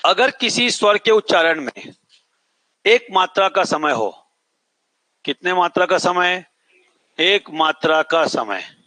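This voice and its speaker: A man's voice: sits high, pushed and bright, no room sound, low-quality recording. A man teaching a classroom lesson. He repeats each point, asks the class to say it back, and draws out vowels to show how long they last. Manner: stretches out vowels to show their length. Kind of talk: classroom lecture.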